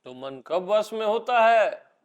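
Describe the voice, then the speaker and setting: A man leading a satsang, talking slowly, repeating short teachings and asking his listeners to answer. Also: high-pitched, animated, lo-fi sound. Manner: slow, repeating, questioning listeners. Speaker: spiritual teacher.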